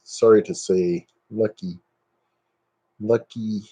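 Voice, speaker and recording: A man's voice: fairly low pitch, fairly even intonation, slow, dark tone, husky. A man in his fifties hosting a casual live stream, chatting and joking at his own expense. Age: 50s. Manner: joking, self-mocking, chatty.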